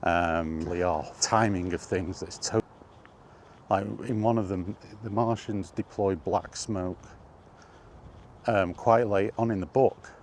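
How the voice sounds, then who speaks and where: In a slow, low, darkish voice, a vlogger rambles through a casual monologue on a walk outside, correcting himself and getting worked up. A little hiss or hum accompanies him.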